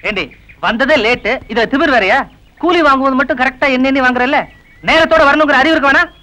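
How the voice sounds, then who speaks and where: A stern young village overseer. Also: male voice, very high-pitched, fast talker, noisy background. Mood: scolding. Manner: scolding, then tender. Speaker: field overseer. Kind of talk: TV drama acting.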